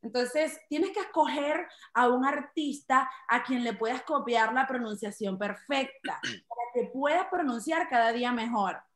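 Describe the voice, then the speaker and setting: A Venezuelan woman with a high, bright-pitched voice tells self-mocking stories in a stand-up comedy set. Her Venezuelan Spanish accent is clear, and her delivery is playful. The sound carries a noticeable echo from the room. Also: measured pace, hardly any pauses.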